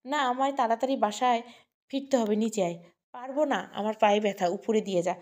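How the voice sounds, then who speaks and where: A woman's voice: on the high side, a little fast, darkish tone, lightly acted. A woman voicing a playful young woman who teases her friend over the phone. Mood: teasing.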